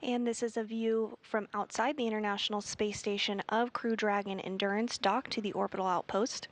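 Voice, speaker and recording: A woman delivers live mission commentary as a broadcast announcer. Her pitch sits in the middle and her delivery is measured and informative. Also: steady tone, dry recording.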